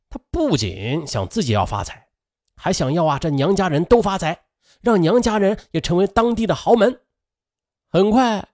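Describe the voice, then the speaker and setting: A man's voice: fairly high pitch, no room sound, studio quality. A man telling a true-crime story with many conversational asides and a strongly rising and falling delivery. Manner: lively rise and fall, chatty asides.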